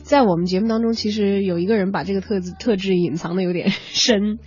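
A quick, husky-voiced woman co-host who chats easily and laughs often. Her voice comes through a dull, lo-fi recording with faint music underneath. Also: mid-range voice, steady tone, darkish tone. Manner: chatty, laughs often, trails off mid-phrase. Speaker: radio co-host. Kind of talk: casual chat.

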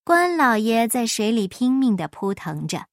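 A woman storyteller reading a folk tale aloud in an expressive storybook style. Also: fairly high pitch, moderate pace, dry recording, studio quality.

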